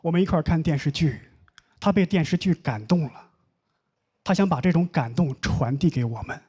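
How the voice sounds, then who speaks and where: Young male stand-up comic, deadpan storyteller, lively high voice, live stage mic. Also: a little fast, breathy edge. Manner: deadpan storytelling, mock complaints. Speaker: stand-up comedian. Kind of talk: stand-up comedy set. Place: comedy stage with live audience. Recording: noisy live show audio.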